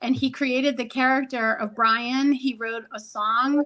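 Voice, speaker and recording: A woman's voice: sits high, steady tone, measured pace, bright, forceful tone, poor audio. A woman co-hosting an entertainment podcast, her voice sitting well above the usual range. She chats loosely, full of "um"s and small restarts. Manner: chatty, with frequent "um" and restarts. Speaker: podcast co-host. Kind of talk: casual chat.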